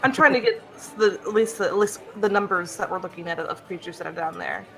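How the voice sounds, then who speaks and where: Woman, tabletop player, eager stumbling questions, lively pitch. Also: fast talker, some chatter behind, poor audio. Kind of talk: tabletop role-play.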